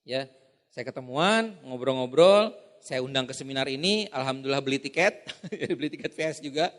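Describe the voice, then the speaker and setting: A man giving a seminar talk, animated, laughing often and acting out quoted voices. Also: mid-range voice, brisk, in a large hall. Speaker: guest speaker at a business seminar. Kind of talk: seminar talk with acted-out examples.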